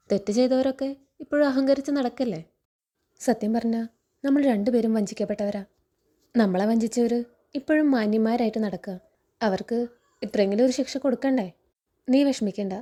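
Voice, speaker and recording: A woman's voice: on the high side, dark tone, lightly acted. A woman voicing a stern, betrayed middle-aged man who questions a young woman reproachfully, quoted in a story recap.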